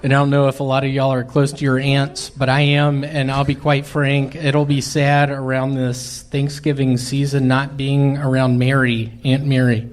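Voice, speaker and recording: A male stand-up comedian from Memphis, telling absurd jokes in a halting, deadpan way with many pauses. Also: medium pitch, slight background noise. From Memphis, Tennessee.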